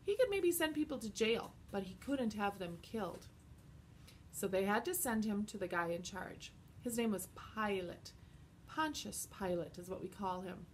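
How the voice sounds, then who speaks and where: A woman telling a Bible story to children in a slow, expressive way. Her voice sits at an everyday middle pitch. Faint background hiss runs under the recording. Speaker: Bible teacher.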